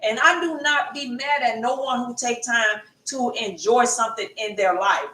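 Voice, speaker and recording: Woman co-host, middle-aged, rambling casual storyteller, a bit high, recorded roomy and off-mic. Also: normal speed, sharp tone, distant mic. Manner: rambling, repeats phrases, casual Southern-style grammar. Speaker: podcast co-host. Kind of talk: casual chat.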